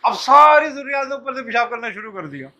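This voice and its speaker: A man with a very high, bright voice tells a religious story to his listeners in a loose, casual way. He slips into the voices of the story's figures as he speaks. The recording sounds dull and lo-fi. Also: expressive. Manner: casual, acts out dialogue with quick voice shifts. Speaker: Sufi teacher telling a story. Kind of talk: storytelling talk to disciples.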